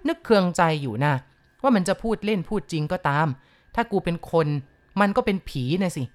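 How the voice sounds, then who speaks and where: A woman reading the part of a coarse, rough-talking rural man who tells a ghost tale bluntly and with swagger. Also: medium pitch, animated, fairly quick, a little mellow, natural voice. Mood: rough, boastful. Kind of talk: storytelling narration.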